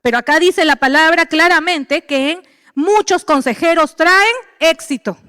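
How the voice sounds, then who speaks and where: High-voiced woman preaching a sermon. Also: unhurried, dry recording, long reverb tail. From Peru. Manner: animated preaching, acting out voices of believers and God. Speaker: pastor.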